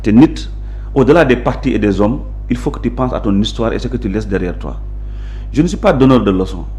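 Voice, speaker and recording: This Senegalese-accented man, a local politician, is a guest in a conversational interview that mixes Wolof and French. His mid-range voice is expressive, a little fast and dark in tone as he explains his positions assertively and emphatically.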